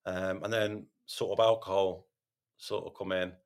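Deep-voiced man, halting and candid. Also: little pitch movement. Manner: halting, self-correcting, frequent ums and repeated words. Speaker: podcast host, sharing his recovery story. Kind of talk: candid interview conversation.

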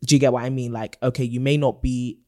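A man's voice: medium pitch, level tone, quick pace, mellow, no room sound. Dry-sounding London man, urban slang. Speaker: podcast co-host. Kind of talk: casual chat.

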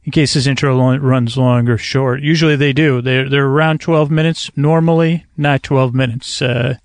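Out on a river in a kayak, a male sleep-podcast host speaks in a steady, mid-range, creaky voice with a lulling, soothing delivery. His monologue meanders, with frequent self-corrections and tangents, and the sound has no echo.

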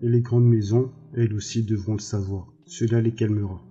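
A man's voice: lowish voice, fairly even intonation, a little fast, mellow, highs cut off, soft background music, lightly acted. A man reading as a scheming cruel baron. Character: cruel scheming male baron, older, menacing.

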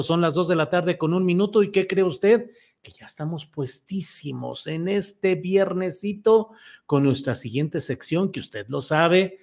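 A Mexican man hosting a talk show in a folksy, playful way and speaking straight to the listener. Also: a little high. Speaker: host.

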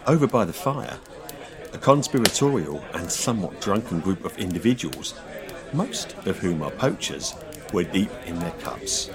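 A man tells a folk tale in a deep voice that rises and falls with lively expression. He is playful and engaged, a storyteller setting the scene in an old village pub. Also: normal speed, a crowd in the background. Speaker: podcast co-host and storyteller. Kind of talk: storytelling narration and banter.

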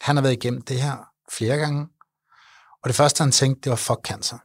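A middle-aged man talks earnestly and with animation about his charity event, his voice sitting at an ordinary pitch. The sound is close and dry, with no room around it. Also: steady tone, no room sound. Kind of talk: interview conversation.

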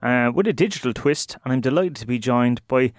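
On a podcast interview, a male host asks friendly, curious questions and supports his guest with short backchannel replies. His mid-range voice is lively in intonation and a little fast, captured with clean studio sound and no echo.

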